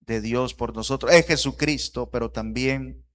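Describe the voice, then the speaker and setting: A man in his thirties, a pastor, preaching a sermon that moves from quiet reflection to loud, rising repetition. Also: mid-range voice, fairly even intonation, unhurried.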